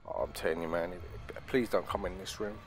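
A deep-voiced British man talks a little fast through a casual let's play of a horror game. His commentary is slangy and sweary, with mock threats to viewers, and faint horror ambience plays behind him.

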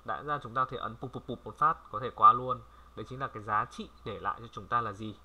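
A man from Vietnam giving a casual language lesson, chatty and repeating words slowly for viewers to copy. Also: mid-range voice, dull audio. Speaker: French language tutor. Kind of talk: casual screen-recorded lesson.

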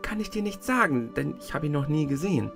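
A man reading a storybook aloud and voicing a tiny, kindly old woman who is the good witch, softly and higher than his own voice. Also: lively intonation, brisk, creaky, faint music behind. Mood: gentle. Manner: soft, gentle storyteller voice raised higher.

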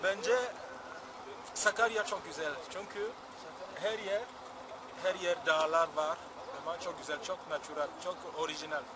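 A man with a Gabonese accent speaks in a high voice, using short, simple phrases as a non-native speaker. The outdoor noise around him is very loud. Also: steady tone, normal speed. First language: not Turkish, a learner. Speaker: student interviewee. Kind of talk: short, simple interview answers. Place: outdoors in a town square. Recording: very noisy outdoor street recording.

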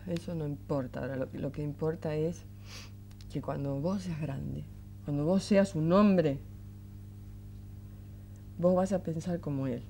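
An actress with a Rioplatense accent playing a tender, weary single mother who soothes her young son in a soft, coaxing voice that often sinks to a murmur. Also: deep voice, unhurried, creaky, pauses often, slight background noise. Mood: tender, earnest. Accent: Rioplatense Spanish. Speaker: mother of an eleven-year-old boy. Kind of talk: 1980s television drama acting.

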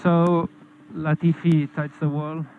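A man's voice: on the high side, little pitch movement, slow pace. A man speaking as race engineer over muffled team radio from a race car, giving terse, clipped radio checks that he repeats. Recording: dull lo-fi radio with faint hiss.

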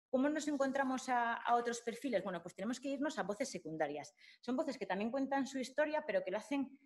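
A woman's voice: mid-range voice, a little mellow. A woman gives an academic talk with slides, speaking informally with many fillers and restarts. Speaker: lecturer at a summer course.

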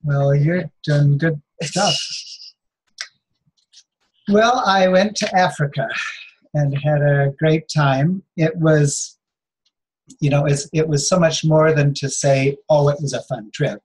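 A man's voice: fairly high pitch, slow pace, pauses often, darkish tone, husky, poor audio. A man sharing a personal story in a reflective, meandering way, with frequent chuckles. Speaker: guest speaker.

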